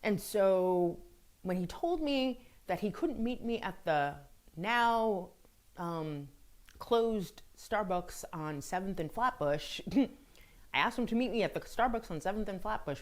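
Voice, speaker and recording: A woman's voice: medium pitch, expressive, measured pace. A woman from France hosting her own video blog, telling a personal dating story in a candid, chatty way with blunt swearing. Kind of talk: casual storytelling monologue.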